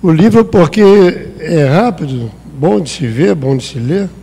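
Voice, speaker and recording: A Brazilian man giving a spiritist lecture in a hall with long reverb. His voice sits fairly high but sounds mellow and dark. He talks in a conversational way and acts out small exchanges. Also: lively intonation, unhurried, creaky, slight background noise. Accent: Brazilian Portuguese. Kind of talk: spiritist talk.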